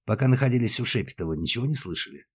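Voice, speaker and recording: A man playing a brisk police investigator. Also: medium pitch, animated, darkish tone, breathy edge, pitched above the performer's own voice. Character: matter-of-fact male police investigator.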